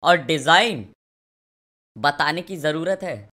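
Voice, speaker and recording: A man's voice: on the high side, expressive, takes it slowly, bright, forceful tone. A young man streaming a game and doing sponsored commentary, with crude, rowdy, teasing banter. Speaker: gaming streamer.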